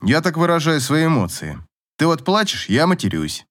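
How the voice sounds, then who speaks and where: A man's voice: on the high side, sing-song, normal speed. An actor playing a sardonic, swearing man who teases and mocks. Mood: wry. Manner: mocking, swears.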